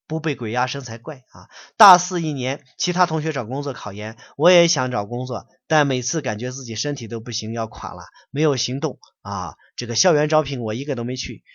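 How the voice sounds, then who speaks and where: A man's voice: mid-range voice, fairly bright tone, dry recording. Male Buddhist lecturer, blunt and scolding, reads a letter aloud and preaches on it; dull, dry, close recording.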